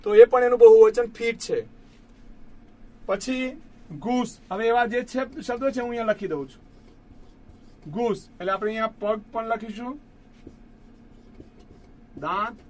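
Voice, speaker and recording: A man with an extremely high, darkish voice teaches an English grammar lesson, unhurried and pausing often. He patiently repeats each word for his students and calls them friends. Slight background noise is audible.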